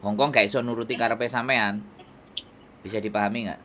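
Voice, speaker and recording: A man's voice: on the low side, fairly even intonation, a little fast, pushed and bright, slight background noise. A man with a Javanese accent giving firm advice over a phone call, lecturing and checking if he is understood. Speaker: advisor to migrant workers.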